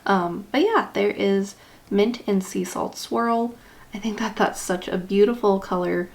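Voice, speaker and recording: A woman's voice: medium pitch, measured pace, gravelly. A woman with a slight lisp from wearing a retainer, rambling casually and a little self-consciously as she talks through ink swatches for a vlog. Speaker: YouTube vlogger.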